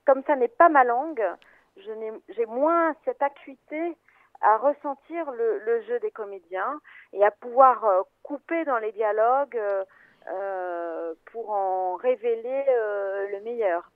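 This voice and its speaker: Over a phone line, a woman who works as a film editor explains her craft in an interview, hesitant and thoughtful, full of fillers and restarts. Her voice is a little high and slow, with no room sound.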